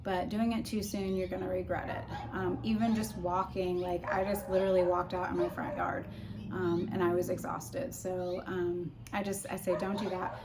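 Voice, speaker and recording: Fairly low-pitched and flat, this woman vlogger chats informally at a moderate pace while giving practical tips in a personal recovery update. Clear background noise runs through the recording.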